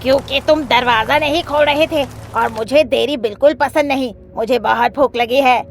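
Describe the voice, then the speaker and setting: A woman's voice: high voice, moderate pace, creaky, slight background noise. A woman voicing a hungry, menacing male eagle in a cartoon, cold and threatening.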